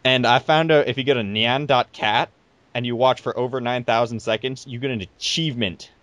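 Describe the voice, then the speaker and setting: A man's voice: medium pitch, steady tone, brisk, a bit bright, dry recording. A young man hosting a casual gaming podcast, joking and stumbling over his words. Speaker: podcast host.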